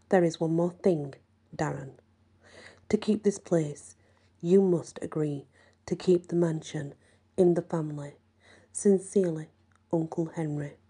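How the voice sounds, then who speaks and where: A woman's voice: lowish voice, dark tone, slightly rough. A woman reading an elderly uncle's will letter aloud in a storybook horror tale. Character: dying uncle writing a will letter, male.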